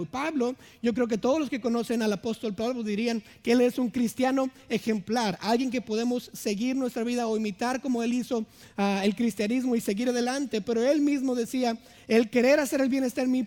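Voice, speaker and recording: High-voiced young pastor in a reverberant church. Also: male voice, fairly even intonation, brisk, a little mellow. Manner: earnest, asks the congregation "¿verdad?" often. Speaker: assistant pastor. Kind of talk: sermon. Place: church sanctuary. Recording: long church hall reverb.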